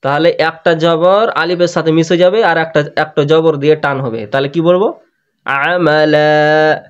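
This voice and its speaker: A man's voice: on the high side, lo-fi sound. Patient man teaching Quran recitation. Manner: patient, repeats words slowly for students to copy. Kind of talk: online tajweed class. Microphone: video call.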